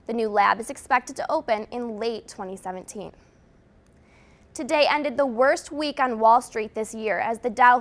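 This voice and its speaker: A woman's voice: a little high, a bit bright. An American woman reading scripted television news as the anchor.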